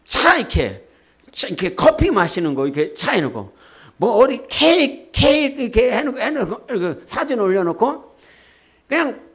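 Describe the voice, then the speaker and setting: Lively high-voiced preacher. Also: male voice. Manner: animated, leads the congregation in shouted declarations; often asks the congregation "예?" and talks to them directly. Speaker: pastor. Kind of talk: sermon. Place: church sanctuary.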